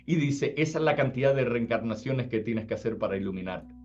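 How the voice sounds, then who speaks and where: A man's voice: medium pitch, animated, brisk. A man giving an informal spiritual talk, casual, often checking whether the listener follows. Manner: casual, asks "does it make sense?" often. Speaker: spiritual teacher. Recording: slightly dull sound, faint music.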